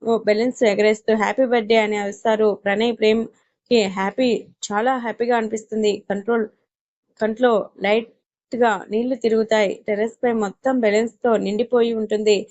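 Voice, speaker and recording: Flat, mellow woman narrating a story. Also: a little high, lo-fi sound. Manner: reads all characters in her own voice with little change. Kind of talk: scripted narration of a romance story.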